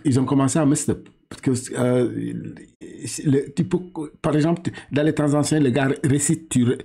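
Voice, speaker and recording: A man's voice: medium pitch, warm tone. A Senegalese man with a Senegalese French accent, patiently teaching a Quran reading lesson and drawing out syllables, repeating and correcting as he goes. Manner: patient, slow drawn-out syllables, repeats and corrects, halting restarts.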